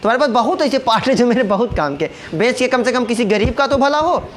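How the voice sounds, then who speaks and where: A man's voice: very high voice, animated, fast, a little hiss or hum. A man teaching a casual classroom lesson, joking and asking rhetorical questions. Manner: chatty, asks rhetorical questions, jokes. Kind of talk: informal classroom lecture.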